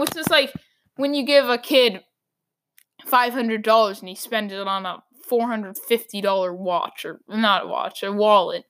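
A woman hosting a solo sports talk podcast, ranting with strong opinions, her voice going hoarse. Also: fairly high pitch, fairly bright tone.

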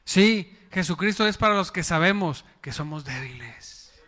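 A man's voice: on the high side, lively intonation, moderate pace, pushed and bright. A man preaching a sermon as pastor, questioning the congregation and leading call-and-response. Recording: long hall reverb.

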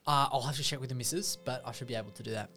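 A man playing a blokey ex-plumber hoping to be a priest, talking. He rambles and hesitates, full of ums, at an ordinary middle pitch. Faint music plays underneath. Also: very fast, pushed and bright, lightly acted. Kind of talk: improvised comedy role-play.

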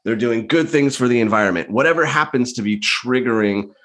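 A man's voice: medium pitch, a little fast, fairly bright tone. A man as a guest in a casual interview, explaining his points conversationally and often ending them with "right?".

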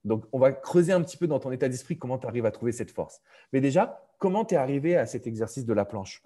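A man hosts a relaxed interview, chatty and animated as he puts his questions. His voice is dark and mellow, at a middle pitch for a man. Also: quick pace. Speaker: podcast host.

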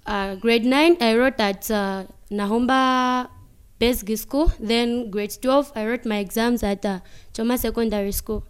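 A young woman from Zambia with a Zambian accent, answering interview questions about playing football, halting and mixing in local words. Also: on the high side, fairly even intonation, clean tone. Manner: mixes English with local words, halting with many fillers.

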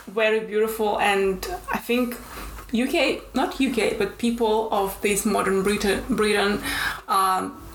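A woman's voice: medium pitch, steady tone, measured pace, a little hiss or hum. A woman hosting an interview podcast, asking questions hesitantly and searching for words with many fillers. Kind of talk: casual interview. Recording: echoey room.

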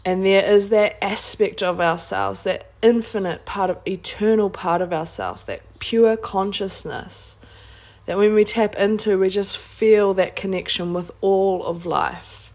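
A woman's voice: medium pitch, a little slow, darkish tone. A woman with a New Zealand accent hosting a casual solo self-help podcast, speaking earnestly, emphatically and informally. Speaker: podcast host.

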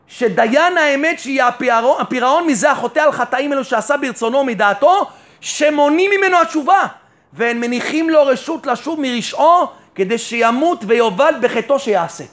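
Rabbi teaching a lesson, very high male voice, poses his own questions and answers them, pushes his point home. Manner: rhetorical questions answered by himself; addresses listeners warmly and directly. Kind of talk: Torah lesson.

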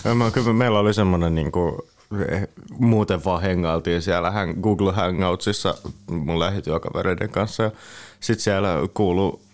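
A man's voice: low voice, fairly even intonation. A man casually telling a story to his roommates, amused and laughing along as he talks.

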